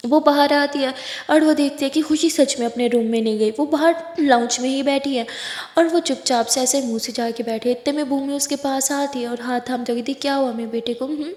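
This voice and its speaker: A woman narrating a spoken love story with a high voice and a chatty, lively telling. The room is echoey, with a long reverb hanging after her words. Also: brisk.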